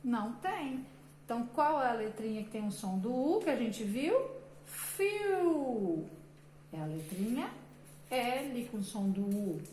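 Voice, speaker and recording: A woman teaching children to read, sounding out syllables slowly and patiently. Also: fairly high pitch, animated, a little mellow. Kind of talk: children's literacy lesson. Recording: echoey room with faint background noise.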